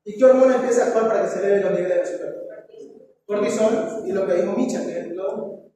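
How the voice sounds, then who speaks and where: A man's voice: high-pitched, quick pace, mellow. A male teacher giving a classroom review, questioning his students and tagging lines with a questioning "no?". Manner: quizzes students, tags lines with "¿no?". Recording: echoey hall, voice from far off, faint noise.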